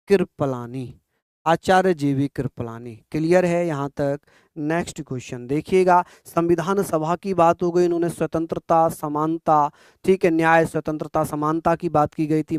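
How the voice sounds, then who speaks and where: A young man coaches students for an exam in a rapid, drilling style, repeating each answer and firing questions back at his listeners. His voice sits high and rings clear, recorded dry and close. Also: darkish tone, dry recording. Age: young adult. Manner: fast, repetitive, quizzing listeners. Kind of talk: fast-paced online exam lesson.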